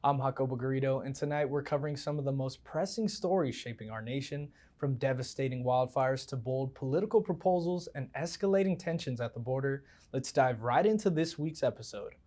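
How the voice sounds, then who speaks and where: A man's voice: mid-range voice, brisk, hardly any pauses, mellow. A man reading scripted news stories as an anchor.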